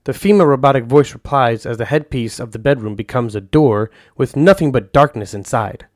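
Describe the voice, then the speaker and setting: Calm man reading a story. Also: mid-range voice, brisk, dry recording, clean studio sound. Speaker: narrator. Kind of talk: first-person story reading.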